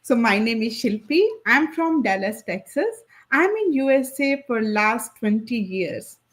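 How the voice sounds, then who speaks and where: Woman from India, a guest on a video call, polite and grateful, slightly high voice. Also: very animated, a little slow. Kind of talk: personal introduction.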